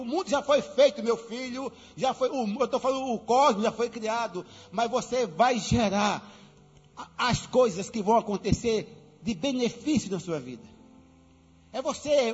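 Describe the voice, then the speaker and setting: A middle-aged man, preaching a sermon with sudden loud commands and playful asides. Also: high-pitched, breathy edge. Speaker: pastor. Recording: dull reverberant hall with faint music.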